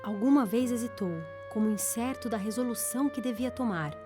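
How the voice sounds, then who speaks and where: A woman narrating an audiobook in a measured, steady reading style. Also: a little high, over music.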